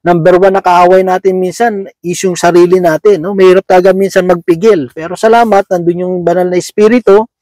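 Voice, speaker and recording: A man's voice: high-pitched, fairly even intonation, fairly quick, warm tone, dry recording, rough recording. A man preaching a sermon in a conversational way, checking in with his listeners after nearly every phrase.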